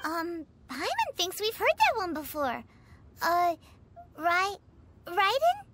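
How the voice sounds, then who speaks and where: A woman's voice: very high-pitched, huge pitch swings, takes it slowly, heavy background noise, full character voice. A woman voicing a tiny, chatty female companion in a video game who teases and refers to herself in the third person. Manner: talks about herself in third person, teasing.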